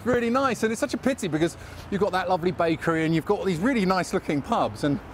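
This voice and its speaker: Male London tour guide, slightly high and very animated, rambling and self-deprecating, outdoor street ambience. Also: quick pace. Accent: London English. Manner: chatty, rambling, self-mocking asides. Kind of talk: casual walking-tour chat. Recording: faint street noise outdoors.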